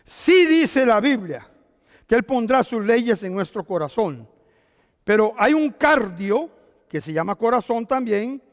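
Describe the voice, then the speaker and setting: High-voiced man preaching in a hall. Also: a little slow. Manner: lively preaching, rhetorical questions, jokes and laughter. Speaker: pastor. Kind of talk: sermon. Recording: reverberant hall.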